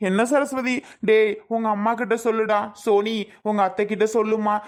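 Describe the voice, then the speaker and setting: A woman's voice: medium pitch, fairly even intonation, moderate pace, a little mellow, lightly acted. A woman voicing an emotional elderly father in a cartoon, pleading with his wife and saying her name over and over. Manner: pleading, affectionate, repeats wife's name. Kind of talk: Tamil cartoon voice acting.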